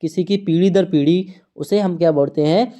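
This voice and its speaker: A woman teaching English words to students, speaking slowly and repeating each word, spelling them out letter by letter and asking questions she answers herself. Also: on the low side, mellow. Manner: slow, repetitive teaching, frequent checks and questions to students. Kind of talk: online language lesson.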